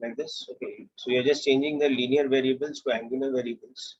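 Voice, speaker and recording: A man's voice: mid-range voice, fairly quick, husky, highs cut off. Man with an Indian accent teaching physics. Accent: Indian English. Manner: steady, explanatory, walks through steps aloud. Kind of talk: classroom lecture.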